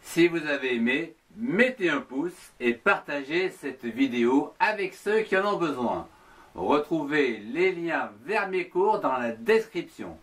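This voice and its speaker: A man's voice: a little high, big pitch swings, unhurried, slightly rough. A man teaching children to write words in cursive, patiently spelling each syllable letter by letter. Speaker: handwriting teacher. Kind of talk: slow spelled-out writing lesson.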